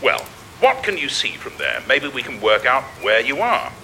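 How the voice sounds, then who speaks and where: Dry, wry pilot. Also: male voice, mid-range voice, wildly swooping pitch, normal speed, heavy background noise.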